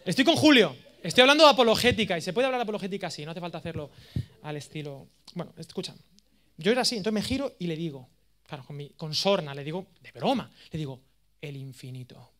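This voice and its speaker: A man in his thirties with an accent from Spain, giving a course lecture as a lively, self-mocking storyteller. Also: high-pitched, fast. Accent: Spain Spanish. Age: 30s. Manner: animated, self-mocking, jokey.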